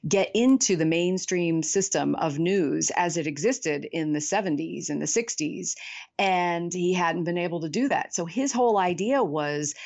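A woman's voice: lowish voice, moderate pace, darkish tone. A woman author being interviewed, speaking reflectively and candidly with many fillers. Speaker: author guest. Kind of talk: conversational interview. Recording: muffled, lo-fi remote audio.

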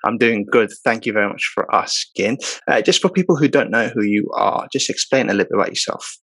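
A man hosting an interview podcast, introducing the show and asking questions in a relaxed, conversational way. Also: fairly low pitch, a little fast, breathy edge, no echo. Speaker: podcast host.

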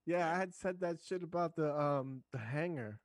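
A male comedian and podcast host chatting in casual, profane banter with quick reactions. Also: on the high side, no echo, studio quality.

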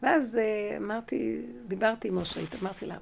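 A woman giving a spiritual lesson through a personal story, animated and emphatic, re-enacting her own conversations and repeating key phrases. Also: medium pitch, creaky.

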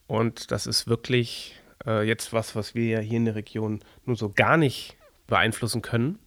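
A man's voice: lowish voice, steady tone, moderate pace, fairly bright tone, dry recording. Guy co-hosting, easygoing, teasing, dead dry sound. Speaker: podcast co-host. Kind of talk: casual chat.

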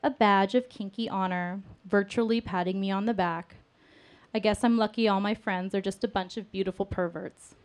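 A woman's voice: medium pitch, steady tone, normal speed. Candid, self-mocking woman storyteller. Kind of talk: personal storytelling to an audience.

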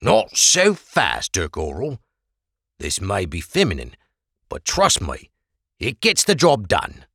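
A man's voice: lowish voice, huge pitch swings, takes it slowly, creaky, fairly bright tone, husky, dry recording, studio quality, exaggerated voice. A man voicing a scheming male merchant neighbor who speaks in odd, stilted phrases. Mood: threatening.

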